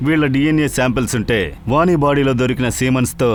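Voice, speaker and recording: A man playing a stern, commanding police investigator with a brisk, authoritative manner in a dubbed TV crime drama. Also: mid-range voice, steady tone, lightly acted.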